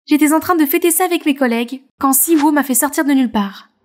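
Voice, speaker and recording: Woman voicing a high-voiced young artist narrator. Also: quick pace, natural voice. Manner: expressive storytelling. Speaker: narrator and heroine. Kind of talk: animated story dub narration.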